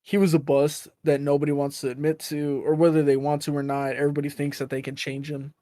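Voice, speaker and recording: A man's voice: on the high side, little pitch movement, quick pace, mellow, dry recording, clean studio sound. A man co-hosting a casual sports podcast, talking in loose, self-correcting explanations. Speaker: podcast co-host.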